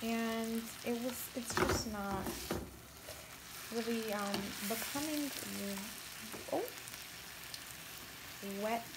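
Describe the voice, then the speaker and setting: A woman's voice: on the high side, very slow, long pauses. A young woman chatting playfully as she cooks, rambling into silly asides about her food. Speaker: cooking vlogger. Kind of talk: casual cooking chat. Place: home kitchen. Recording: noisy kitchen with sizzling pan.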